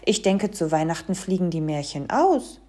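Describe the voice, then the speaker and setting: A woman's voice: fairly low pitch, big pitch swings, moderate pace, mellow. A woman reading a storybook aloud, voicing a busy little male dwarf who talks in a blunt, matter-of-fact way. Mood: gruff.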